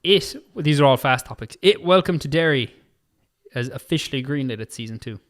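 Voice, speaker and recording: With lively intonation and a medium-pitched voice, a man co-hosting a podcast zips through entertainment news. The chat is casual, packed with "like" and laughter.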